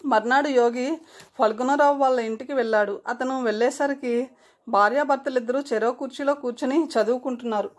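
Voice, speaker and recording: A woman storyteller reading a novel aloud in a steady, expressive way. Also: high-pitched, a little fast.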